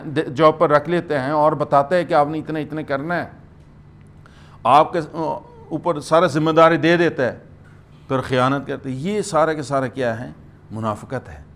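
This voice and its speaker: A middle-aged man delivers a scripture commentary to a gathered audience. His voice sits a little high for a man, and he speaks with emphasis, stopping often to check in with his listeners before pressing on. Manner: emphatic, asks "hm?" and "theek hai" to the listeners. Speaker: mufti giving Quran commentary. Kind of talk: lecture-style Quran commentary to a gathering.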